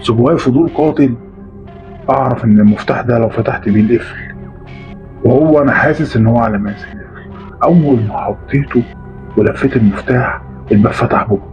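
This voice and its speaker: A man with an Egyptian accent narrating a first-person horror story at a mid pitch, in a tense, dramatic way. The recording sounds dull and lo-fi, with faint music beneath the voice. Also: quick pace.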